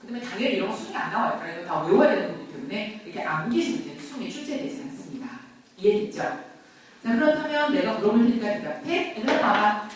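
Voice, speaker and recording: Middle-aged female teacher, animated lecture voice, mic set far back in a very echoey room. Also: medium pitch, fast talker, slight background noise. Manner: lively, questions and teases students. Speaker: Korean grammar teacher. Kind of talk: classroom lecture. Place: classroom.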